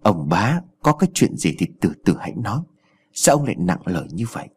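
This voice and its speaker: A meek elderly mother pleads gently for calm, performed by a man narrating. The voice is soft, low and husky. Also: brisk, exaggerated voice. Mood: placating. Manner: gentle, placating.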